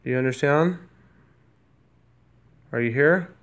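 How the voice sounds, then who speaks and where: A man's voice: medium pitch, slow pace. A man politely coaxing spirits with hesitant questions during a paranormal session in a hotel room. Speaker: amateur paranormal investigator. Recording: loud noise over the voice.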